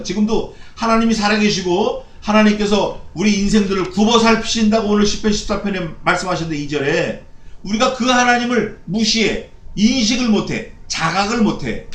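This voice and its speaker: A man's voice: high voice, a bit bright. A man preaching a sermon as pastor, firing off rhetorical questions and repeating short punchy phrases. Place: church sanctuary. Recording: echoey church hall.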